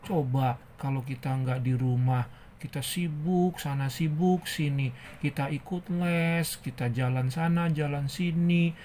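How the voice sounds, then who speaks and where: Woman, children's church teacher, slow and coaxing, low-ish voice, soothing. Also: steady tone, dark tone, slight background noise. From Indonesia. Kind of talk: gentle children's church talk.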